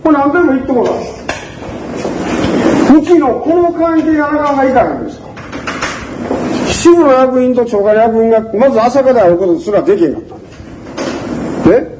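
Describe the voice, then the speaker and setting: A man's voice: extremely high pitch, a little fast, long pauses, background noise. An older man with a Kansai accent telling stories in a lecture, acting out the voices of the people he quotes. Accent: Kansai (Osaka). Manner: animated, acts out voices in quoted dialogue. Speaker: speaker recounting community organizing. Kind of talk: conversational storytelling lecture.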